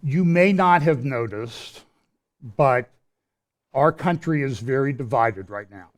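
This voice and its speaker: A man presenting a church prophecy update in a conversational commentary style, pausing and restarting as he walks through a map and his views. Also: mid-range voice, animated. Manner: explains while pointing at a map on screen.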